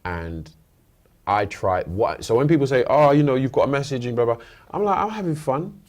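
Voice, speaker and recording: A man's voice: medium pitch, expressive, a little fast, darkish tone. A man from the UK, a rapper, talking casually and thoughtfully as a studio interview guest, often restarting his sentences. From United Kingdom. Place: radio studio.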